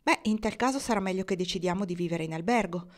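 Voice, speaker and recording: A woman voicing a worldly, good-humored grown man in an audiobook, speaking calmly and wryly. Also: mid-range voice, natural voice. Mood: amused, gentle. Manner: calm, wry, measured.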